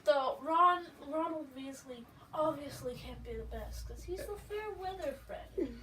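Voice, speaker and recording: A woman co-hosting a casual storytelling game, tossing in quick jokes and giggles. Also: sits high, fairly bright tone, far from the mic, a little hiss or hum. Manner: joking, quick asides, giggly. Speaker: co-host.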